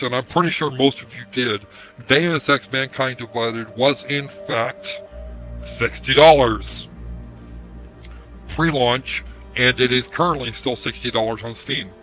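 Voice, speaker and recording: A hoarse man ranting casually on a live stream through a headset mic, his voice run through a voice changer, irritated and swearing as he repeats himself. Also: mid-range voice, sharp tone. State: hoarse from screaming. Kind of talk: ranting livestream commentary.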